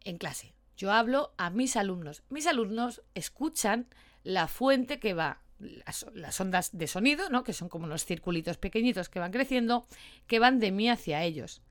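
A woman's voice: medium pitch, normal speed. Chatty woman host, dog trainer explaining things casually. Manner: chatty, animated, calls herself talkative. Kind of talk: casual podcast talk.

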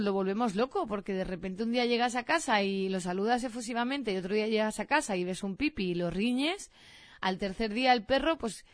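A woman's voice: mid-range voice, no room sound. Chatty self-mocking woman, dry sound. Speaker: dog trainer. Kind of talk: casual monologue.

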